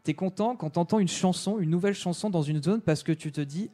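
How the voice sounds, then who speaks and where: A man's voice: high-pitched, fairly quick, dark tone. A man chatting casually on a radio show, hesitating often with many fillers and restarts.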